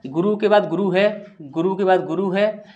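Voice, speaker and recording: A man's voice: high-pitched, a little mellow, muffled recording. Male tutor explaining step by step. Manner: explains step by step, asks and answers his own questions; sounds out syllables slowly and with stress. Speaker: Hindi grammar teacher. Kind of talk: classroom-style lesson.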